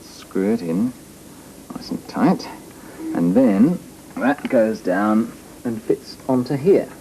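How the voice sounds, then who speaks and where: Slow, lively Australian man for kids. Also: lowish voice, recorded from a distance, a little hiss or hum, rough recording. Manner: slow, lively, patient, child-directed. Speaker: children's TV presenter. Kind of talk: gentle explaining to children. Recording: 1980s TV studio recording.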